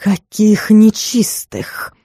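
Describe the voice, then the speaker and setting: A woman voicing a cold, menacing dragon lord in an audiobook, speaking slowly and hissing through clenched teeth. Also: mid-range voice, dark tone, breathy edge, no room sound, studio quality.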